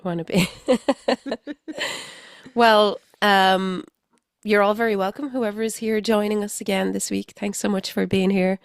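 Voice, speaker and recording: A woman's voice: mid-range voice, fairly even intonation, a little slow, no room sound, studio quality. A woman co-hosting a podcast in casual chat, congested from a flu and laughing often. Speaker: podcast co-host.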